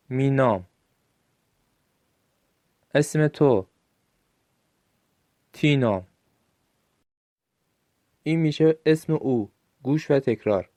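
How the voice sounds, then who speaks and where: Man slowly teaching Gilaki phrases. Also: medium pitch, a little mellow. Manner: slow, clear model phrases for listeners to repeat. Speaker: language teacher. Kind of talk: recorded language lesson.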